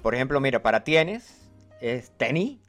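A man talks casually on a radio show, explaining slang in a teacherly way. His voice sits in an ordinary middle pitch, and he jumps up when quoting phrases. Soft music plays faintly behind him. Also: unhurried. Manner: animated, teacherly, quotes phrases in a higher voice. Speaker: radio co-host.

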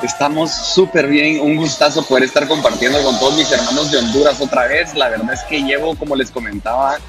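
A man's voice: mid-range voice, steady tone, a little fast, music in the background. A man from Guatemala, a guest DJ and producer, upbeat and talking in long rambling runs in a radio interview. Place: radio studio.

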